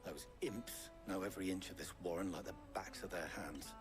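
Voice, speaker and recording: An actor playing a gruff, streetwise shopkeeper in a video game, blunt and knowing in manner. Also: male voice, low-pitched, normal speed, close to an everyday voice. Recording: game audio with music underneath. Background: game music.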